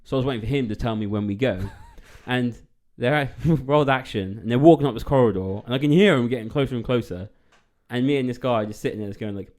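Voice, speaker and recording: A man co-hosting a casual podcast chat, telling stories in an animated way, laughing and swearing freely. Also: mid-range voice, fast, hardly any pauses. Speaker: podcast co-host.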